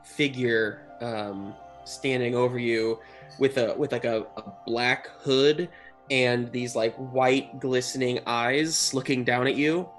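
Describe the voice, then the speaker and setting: A man narrating a tabletop game as game master, improvising haltingly and searching for words. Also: mid-range voice, steady tone. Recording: music playing behind the voice. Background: music.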